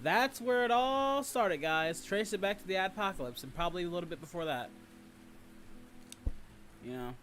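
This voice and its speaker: A man with a high, expressive, fairly bright voice hosts a casual livestream at normal speed, leaving long pauses. This content creator rambles, teases viewers in slangy talk, and reads and answers them, with music and rain ambience in the background.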